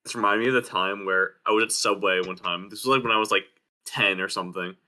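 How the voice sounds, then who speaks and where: Very bright-voiced man joking around. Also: lowish voice, steady tone, quick pace. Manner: joking, sarcastic banter. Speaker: podcast co-host. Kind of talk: casual chat.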